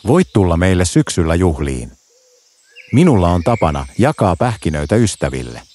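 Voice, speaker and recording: A man's voice: sits low, sing-song, a little mellow, slight background noise. A man voicing a small, frantic male squirrel in a children's storybook, pleading for help. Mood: friendly. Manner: pleading, upset.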